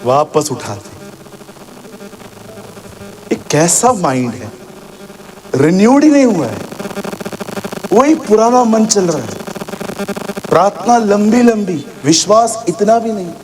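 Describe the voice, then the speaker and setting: A man preaching a sermon as a pastor in a church, animated and sometimes shouting, mixing English phrases into his talk. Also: high voice, slow pace, long pauses, slight background noise. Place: church hall with congregation.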